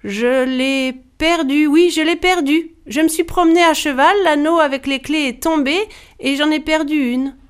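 A woman's voice: high-pitched, moderate pace, pitched above the performer's own voice, lightly acted. A woman voicing a frightened young wife who pleads and calls out anxiously. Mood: panicked.

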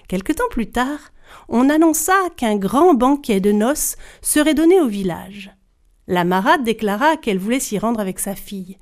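A woman storyteller telling a folktale aloud, expressive and speaking directly to her listeners. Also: fairly high pitch.

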